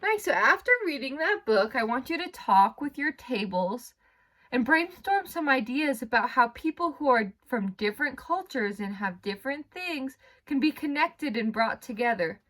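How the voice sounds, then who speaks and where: An elementary school teacher leads a read-aloud lesson for young pupils, explaining things in simple phrases and steering them with questions. Her voice sits high, animated and a bit bright, at a moderate pace.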